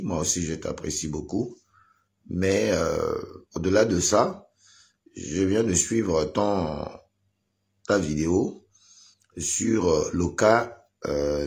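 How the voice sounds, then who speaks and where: A man's voice: low voice, slow pace. A man giving advice in a live video, hesitant with many fillers, growing emphatic. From Gabon. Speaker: online commentator giving advice.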